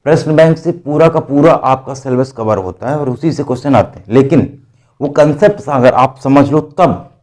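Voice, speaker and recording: Male tutor, mid-pitched and mellow, drills exam grammar with rhetorical questions and spelled-out words. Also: moderate pace. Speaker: teacher. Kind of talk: exam-prep grammar lesson.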